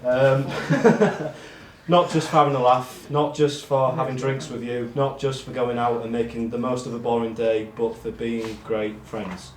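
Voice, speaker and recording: A man giving a self-deprecating speech to his friends in a monotone voice, with frequent ums. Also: medium pitch, a little slow. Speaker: award speech giver among friends. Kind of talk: casual speech read to friends. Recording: echoey room with faint noise.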